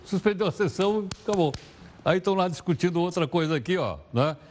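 A man's voice: high voice, expressive, fast talker, darkish tone, slight background noise. A man presenting the news in a casual, chatty way, asking viewers rhetorical questions.

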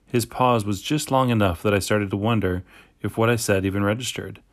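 Man with a lowish voice narrating a children's book. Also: brisk. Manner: steady, plain storytelling, first-person. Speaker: audiobook narrator.

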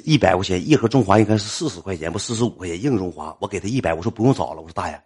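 A man with a Northeastern Chinese accent telling a comic story in a rambling, colloquial, animated way. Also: sits low, very fast, breathy edge.

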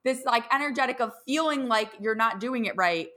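A woman hosting a casual conversation, coaching her guest in a chatty, encouraging way with quick restarts. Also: on the high side, a bit bright. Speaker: podcast host and business coach.

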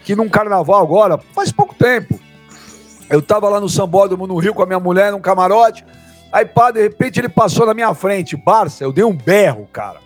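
A man in casual chat as co-host, an excitable storyteller who exclaims and repeats himself. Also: high-pitched, brisk, husky, soft background music.

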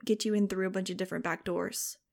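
A woman's voice: medium pitch, steady tone, fast talker, gravelly, darkish tone, lightly acted. Woman reading a paranoid hacker dude, slangy and chill. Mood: wary. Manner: casual slangy drawl. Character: paranoid young male hacker, laid-back.

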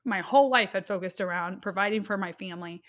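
A woman in her thirties, a guest speaking earnestly and haltingly as she recounts a personal loss. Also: medium pitch, a bit bright. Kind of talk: emotional personal storytelling.

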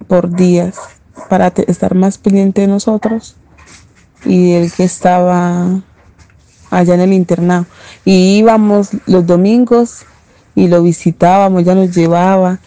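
A woman with a Paisa Colombian accent gives a reflective personal testimony in a very dark, mellow voice. The sound is dry and close, with almost no room in it. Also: fairly low pitch, little pitch movement, dry recording. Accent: Paisa Colombian Spanish. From Medellín, Colombia. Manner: reflective, unhurried recollection. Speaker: interviewee, daughter of a domestic worker.

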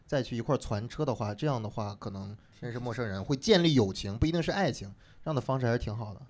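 A young man on a comedy talk show, calmly giving practical advice. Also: mid-range voice, quick pace. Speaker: comedian panelist. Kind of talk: casual chat.

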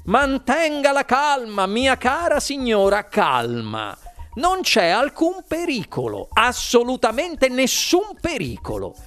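A man puts on a breezy, eccentric candy maker, lifting his voice a little and swinging it up and down. He soothes and dismisses worry with amused calm in a storybook reading with soft music behind. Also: extremely high pitch, takes it slowly, pitched above the performer's own voice, heavily acted. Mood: soothing.

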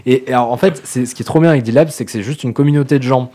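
A man co-hosts a relaxed tech podcast. He speaks at a brisk clip and slips into the voices of the people in his stories as he tells them. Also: mid-range voice, breathy edge. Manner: animated, tells anecdotes acting out quoted dialogue. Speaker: podcast co-host. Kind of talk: casual podcast chat.

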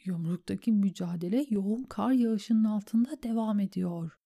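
Woman doing a scared young guy, hushed and tense, kinda breathy and mellow. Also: mid-range voice, normal speed, voice pushed up. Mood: anxious. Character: frightened young man writing battle messages.

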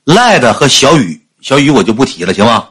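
A storyteller acts out the characters of a comic anecdote he shares on a livestream, delivering it animatedly in a Northeastern Chinese accent. His medium-pitched voice is slightly rough and runs a little fast.

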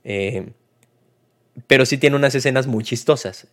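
Speaking in a measured, mid-range voice that's a bit bright, a man with a Mexican accent, whose first language is Spanish, reviews a film casually and off the cuff. He talks to listeners like a host, colloquially recounting scenes and performing quotes.

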